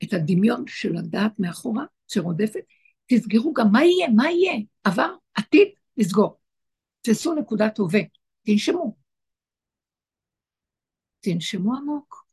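A woman voicing God as a commanding presence, giving urgent, repeated commands in a husky voice. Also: fairly high pitch, very animated, pauses often, a little mellow, exaggerated voice.

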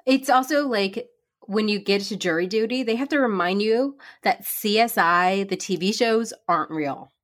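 A woman in casual chat as a podcast panelist, talking in an animated way with lots of "like" fillers. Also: medium pitch, normal speed. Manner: chatty, animated, frequent "like" fillers.

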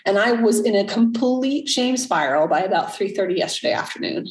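A woman's voice: medium pitch, lively intonation, a little fast, reverberant, rough recording. A woman in her early forties, a coach, talking frankly and reflectively in casual chat, cursing now and then. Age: 40s.

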